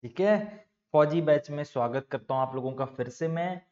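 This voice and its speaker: Lively male teacher with a lapel mic. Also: fairly high pitch, moderate pace, highs cut off. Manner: lively, playful, asks and answers own questions. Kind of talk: classroom lecture to children.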